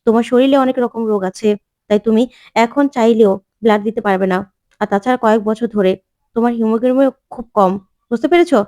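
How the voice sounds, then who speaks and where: Mohona: a woman voicing a brisk woman doctor. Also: on the high side, mellow, no echo, clean studio sound, natural voice. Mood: firm. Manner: brisk, authoritative. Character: firm middle-aged woman doctor.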